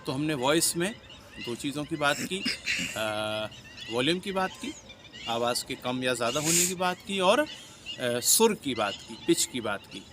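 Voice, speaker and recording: A man giving a casual acting lesson, explaining and demonstrating words with shifts in pitch and loudness. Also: very animated, a little slow, background noise. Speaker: acting teacher.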